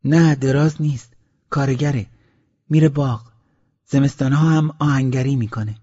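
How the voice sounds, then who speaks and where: A man voicing a poor schoolboy looking for work, who answers in quick, earnest replies. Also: mid-range voice, steady tone, warm tone, husky, no room sound, dull audio, voice pushed up, close to an everyday voice. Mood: eager, nervous.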